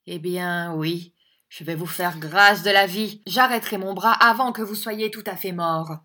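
A brutal schoolmaster, acted by a woman reading aloud, sneering and menacing as he raises his voice. He mocks at full volume, pitched somewhat higher than an ordinary man. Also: unhurried. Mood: mocking, menacing. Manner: mocking, menacing, loud. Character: cruel sneering male schoolmaster, middle-aged.

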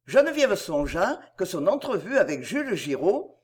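A woman narrating a novel as an audiobook, measured and expressive. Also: medium pitch, husky.

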